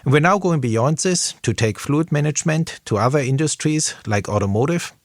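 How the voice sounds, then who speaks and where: A man speaking in a recorded voice message played back, giving a prepared business statement in a steady, read-out way. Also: on the high side, moderate pace, no echo, clean studio sound. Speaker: industry team lead.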